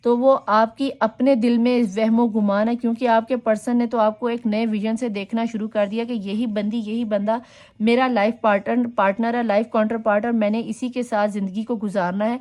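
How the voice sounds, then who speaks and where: Female tarot reader, Pakistani accent, friendly coaxing chatter, mellow tone. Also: a little high, flat delivery. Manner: chatty and coaxing, mixes English phrases into Urdu. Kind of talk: casual tarot reading to viewers.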